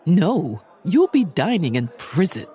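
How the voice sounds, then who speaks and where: A woman voicing a sly, brisk middle-aged aunt who gives orders in a dry, matter-of-fact way. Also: on the low side, big pitch swings, mellow. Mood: deadpan. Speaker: mentor aunt. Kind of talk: audio drama acting.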